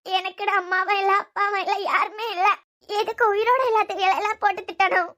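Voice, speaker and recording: A woman with a Kanyakumari Tamil accent voicing a grieving young wife who talks softly and tearfully in a cartoon series. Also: extremely high pitch, steady tone, brisk. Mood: sorrowful. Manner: soft, tearful pleading. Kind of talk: cartoon web series dialogue.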